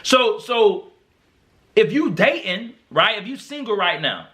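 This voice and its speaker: Young male podcast host; earnest motivational speaker, bright and high-pitched. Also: big pitch swings, slow pace. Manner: earnest, encouraging, preacher-like repetition.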